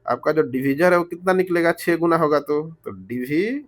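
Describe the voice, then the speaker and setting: Man, slightly high voice, slow repetitive math tutor with rhetorical questions. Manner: switches between Hindi and English terms. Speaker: math teacher. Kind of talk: explaining math problems step by step.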